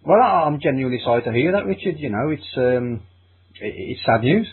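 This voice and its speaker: A man co-hosting a deadpan comedy sketch with a dry, mock-sympathetic manner, over a phone-like lo-fi recording. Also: medium pitch, fairly quick, husky. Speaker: co-host. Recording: phone-like lo-fi sound.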